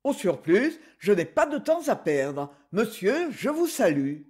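A grumpy, curt man who speaks in peremptory tones, as a woman narrator puts him on. The delivery is slow and a bit breathy, with pitch that rises and falls widely. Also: big pitch swings, a little mellow. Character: gruff, curt middle-aged Parisian man.

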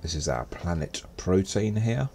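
A man's voice: sits low, big pitch swings, a little slow, mellow, a little hiss or hum. A man streaming a space game, chatting casually as he plays and muttering to himself. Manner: muttering to himself while playing. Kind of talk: casual gameplay commentary.

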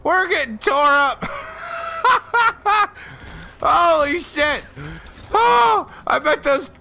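Excitable gaming host, man, very high bright voice, unhurried, shouts and curses at the match. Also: gravelly. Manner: excitable, profane, shouts at the game; laughs often. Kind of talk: live gameplay commentary.

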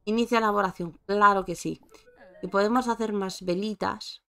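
A woman's voice: medium pitch, fairly even intonation, normal speed, gravelly, sharp tone, clear, resonant tone. Chatty woman narrating her game. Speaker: gameplay streamer. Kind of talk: casual let's-play commentary.

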